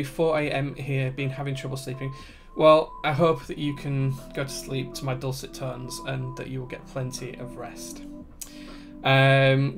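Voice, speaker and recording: Yorkshire bloke chatting on a stream, creaky voice, pretty flat delivery, music on behind him. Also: male voice, mid-range voice. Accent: broad Yorkshire English. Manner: relaxed, conversational, reading out chat comments. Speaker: livestream host and keyboard builder. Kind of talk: casual livestream chat.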